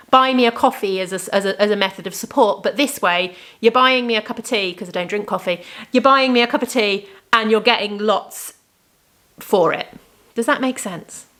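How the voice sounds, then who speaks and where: A crafting podcast host who also dyes yarn chats enthusiastically and rambles through a casual show-and-tell of her work. Her mid-range voice is brisk and a bit bright, though slightly worn.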